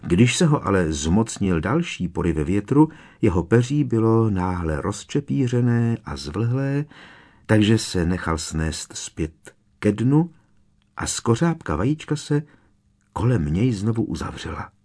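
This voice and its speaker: A man reading a fantasy novel aloud as an audiobook narrator, in a measured, expressive storytelling manner. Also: on the low side. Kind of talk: scripted narration.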